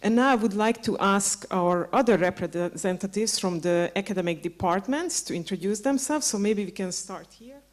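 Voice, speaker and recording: A woman's voice: mid-range voice, normal speed, hardly any pauses. A woman from a university recruitment office, moderating a panel and asking people to introduce themselves. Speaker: event moderator. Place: university hall.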